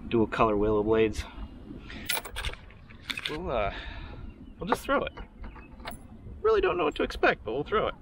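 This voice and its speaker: A man's voice: mid-range voice, moderate pace, creaky, long pauses. Man narrating from a fishing boat. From Michigan, US. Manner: relaxed, talks to himself while boating and fishing. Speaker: fishing vlogger. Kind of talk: casual running commentary. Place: small fishing boat on a lake outdoors. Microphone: action camera on the boat. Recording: outdoor camera audio with boat and water noise.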